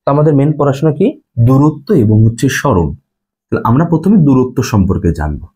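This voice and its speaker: Young man, physics tutor, mellow husky voice, repeats himself, quizzes the class. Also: medium pitch, big pitch swings, fast. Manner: repetitive, asks students check questions. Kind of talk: classroom lecture.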